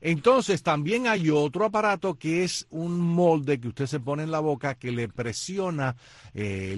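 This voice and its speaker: A man's voice: medium pitch, dry recording. A man, co-hosting a casual chat and explaining things with jokes. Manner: joking, explanatory. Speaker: co-host.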